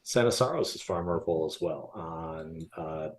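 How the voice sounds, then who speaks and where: A man co-hosting a casual live podcast who rambles, restarts and fills pauses. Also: deep voice, animated, a crowd in the background. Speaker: podcast co-host.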